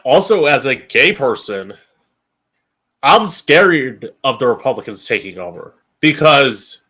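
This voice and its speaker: A man's voice: medium pitch, sharp tone. An American man hosting as a drag queen, giving an opinionated political monologue to camera in a campy, sassy, blunt manner with swearing. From Florida, United States. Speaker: drag queen host of a political commentary show.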